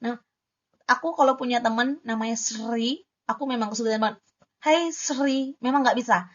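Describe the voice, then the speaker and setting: A woman's voice: a little high, steady tone, brisk. A young woman giving a casual spoken lesson on reading poetry, chatty, stumbling over the S-R sound and correcting herself as she goes. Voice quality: struggles with the S-R cluster. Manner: chatty, self-correcting, demonstrates sounds aloud. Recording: dull lo-fi home recording.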